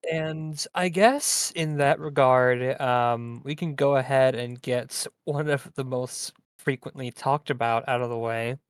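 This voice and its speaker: A podcast co-host in casual chat, rambling with quick deadpan asides. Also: mid-range voice, clean tone, no room sound, clean studio sound.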